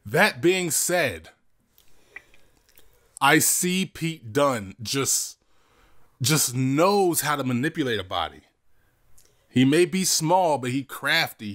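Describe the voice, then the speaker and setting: A man's voice: mid-range voice, a bit bright. A man co-hosting a casual wrestling predictions podcast, rambling with restarts and casual swearing. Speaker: podcast co-host.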